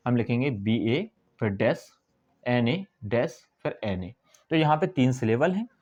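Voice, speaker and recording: A male teacher gives a whiteboard lesson at a mid pitch. He explains step by step and stretches words out syllable by syllable. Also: darkish tone. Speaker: English teacher.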